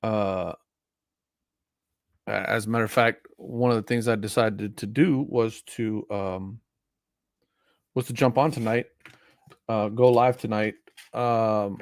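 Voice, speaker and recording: A man's voice: mid-range voice, dry recording, studio quality. Forty-something man rambling on a live stream. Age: 40s. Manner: rambling, frequent fillers and restarts. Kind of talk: casual live stream chat.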